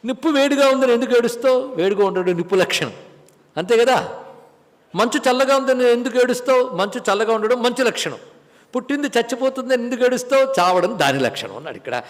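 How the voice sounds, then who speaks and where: Male spiritual teacher, fairly high voice, rhetorical questions and chanted verses, long hall reverb. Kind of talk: religious discourse on scripture.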